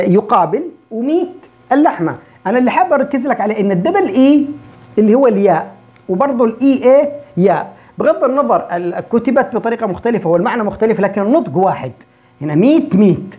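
Male language teacher, brisk explainer, slows down to spell out sounds, muffled lo-fi recording. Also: high-pitched, lively intonation. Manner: repeats example words slowly to demonstrate sounds. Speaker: English teacher. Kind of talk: explaining a pronunciation lesson. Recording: dull lo-fi recording.

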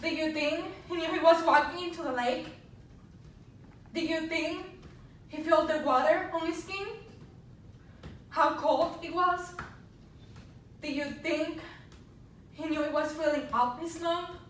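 A woman acting a stage monologue as a grieving young woman who confronts her mother, speaking slowly and quietly. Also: high voice, a little hiss or hum. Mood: grieving, haunted. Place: acting class room. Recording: roomy distant room mic.

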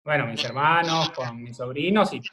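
An Argentine man, a video maker, answering interview questions in a relaxed, rambling way full of fillers. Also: medium pitch, moderate pace. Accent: Argentine Spanish. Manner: rambling, thinks aloud with many fillers. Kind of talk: casual remote interview conversation.

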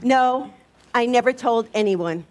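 A woman acting as a defensive, proud single mother who runs a bar, speaking slowly and emphatically in an amateur stage scene. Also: on the high side, darkish tone, close to an everyday voice.

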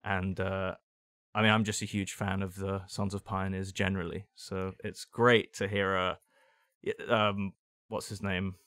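A man with a low voice talks through a film in a loose, rambling podcast chat, sinking quieter whenever he goes off on a side thought. The sound is dry and close. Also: little pitch movement, a little slow, dry recording. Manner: rambling, drops voice low on asides. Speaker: podcast co-host. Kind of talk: casual film discussion.

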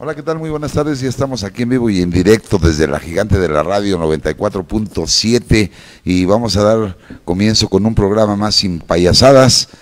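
A man's voice: lowish voice, moderate pace. A Mexican man hosting a live radio talk show in a chatty, ringmaster-like announcing manner. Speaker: radio show host and clown. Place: office-like room, seated at a table. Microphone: handheld microphone.

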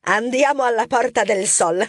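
A woman's voice: fairly high pitch, normal speed, no room sound, clean studio sound, lightly acted. A woman playing a friendly, witty police inspector mouse, businesslike and teasing. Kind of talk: audiobook character acting.

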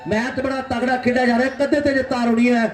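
Male event announcer, high-pitched, polite delivery, echoing public-address sound from a distance. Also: little pitch movement, fast, slight background noise. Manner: polite, thanking and requesting. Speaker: tournament announcer and organiser. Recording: echoey outdoor PA, distant mic.

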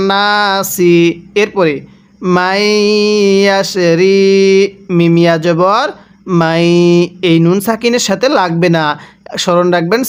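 A man teaching Quran reading, spelling out words and chanting them slowly for the listener to repeat. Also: high-pitched, smooth. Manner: drawn-out chanted recitation, asks and answers himself. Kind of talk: slow spelled-out recitation lesson.

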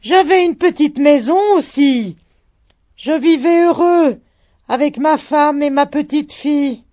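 A reader voicing an old, worn-out peasant laborer who shouts his bitterness against the wind. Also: mid-range voice, expressive, slow, no room sound, studio quality, pitched above the performer's own voice. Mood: bitter outcry.

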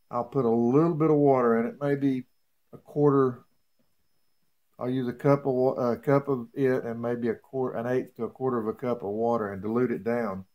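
A man's voice: medium pitch, highs cut off. A man demonstrating a woodworking job in his home workshop, talking in a plain-spoken, folksy way with rambling asides. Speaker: beekeeper showing a woodworking build. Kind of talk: casual how-to demonstration.

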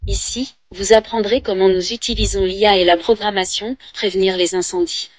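A woman voicing a helpful robot assistant that guides players, reading calm instructions as game voice-over. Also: medium pitch, a little fast, no echo, close to an everyday voice. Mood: instructive.

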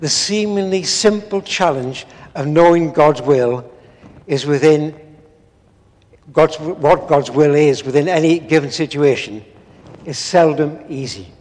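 An older man, a priest preaching a measured, earnest sermon read from notes in a large stone church. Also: fairly high pitch, darkish tone. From England. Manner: measured, earnest, with solemn pauses. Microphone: far camera, no visible mic. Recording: long church reverb.

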